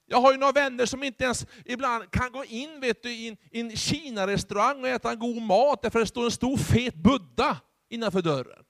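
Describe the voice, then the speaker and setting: A Swedish man preaching a charismatic sermon as pastor, swinging from hushed asides to loud exhortation. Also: very high voice, hardly any pauses, no room sound.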